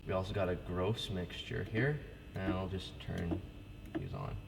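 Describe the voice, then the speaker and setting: A man's voice: sits low, a little slow, gravelly. A man casually demonstrating church organ stops at the console, talking informally with many restarts and fillers. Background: loud pipe organ playing.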